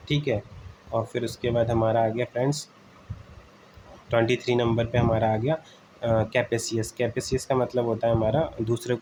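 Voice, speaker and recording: In a low-quality recording with some hiss or hum, a man with a mid-range, darkish voice teaches exam vocabulary informally. Calling his audience "friends," he walks through memory tricks, keeps checking in with "theek hai," and fills gaps with lots of "uh."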